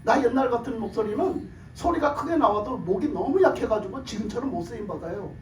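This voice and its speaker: A man preaching a sermon in a hoarse, worn voice, pressing his point with rhetorical questions and laughter. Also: very high voice, animated, brisk, a little hiss or hum. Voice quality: hoarse, broken voice from years of shouted prayer. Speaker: pastor. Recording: echoey room, mic at a distance.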